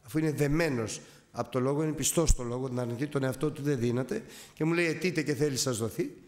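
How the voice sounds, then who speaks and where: A man's voice: mid-range voice, a little mellow, a little hiss or hum. A man preaching a sermon, telling a personal testimony fervently with repetition and emphatic exclamations.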